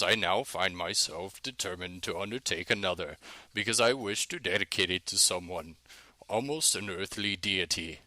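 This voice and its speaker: A man's voice: on the low side, bright, forceful tone, no echo. A man putting on the voice of an old male Renaissance fencing master, reading a formal, archaic text aloud.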